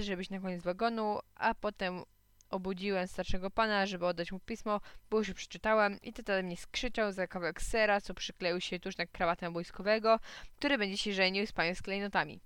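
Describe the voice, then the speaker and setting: A woman narrating a children's story in a lively, playful way. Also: medium pitch, smooth, no echo. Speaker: audiobook narrator.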